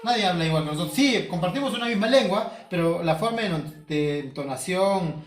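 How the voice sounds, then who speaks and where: A man teaching a home-schooling language lesson, explaining slowly, repeating key words and asking himself questions as the student would. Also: high-pitched, animated, recorded from a distance. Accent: Peruvian Spanish. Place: home room. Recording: echoey room, voice from off the mic.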